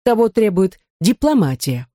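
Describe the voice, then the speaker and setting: A woman voicing a kind older woman who gently and patiently advises a young girl. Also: mid-range voice, big pitch swings, moderate pace, dry recording, studio quality, voice pushed up, natural voice. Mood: gentle.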